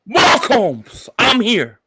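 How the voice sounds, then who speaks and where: Teasing high-voiced man hosting a stream. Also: wildly swooping pitch, extremely slow, pushed and bright, slightly rough. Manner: playful, teasing, bragging. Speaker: stream host. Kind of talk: casual banter stream. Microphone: home streaming mic.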